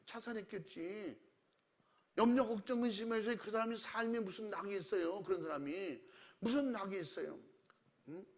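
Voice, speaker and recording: A middle-aged man preaching a sermon as pastor, telling stories animatedly and acting out the voices he quotes, and clearing his throat often. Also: sits high.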